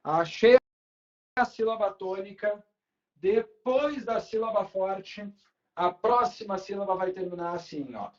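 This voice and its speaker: High-voiced Brazilian teacher, lo-fi. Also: male voice, a little mellow. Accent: Brazilian Portuguese. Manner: slow, drawn-out emphasis on key words, checks in with students often. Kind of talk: classroom grammar lesson at a board.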